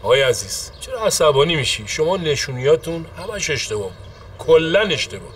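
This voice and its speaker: A man's voice: a little high, very animated, distant mic, a little hiss or hum. An actor playing a polite man who firmly turns a claimant away. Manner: courteous but firm dismissing.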